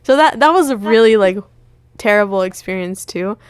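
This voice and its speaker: A woman's voice: mid-range voice, expressive, normal speed, smooth, no echo. A woman co-hosting a casual chat, telling a long story in a rambling way and acting out what people said. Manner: rambling, retells with quoted dialogue. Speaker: podcast co-host.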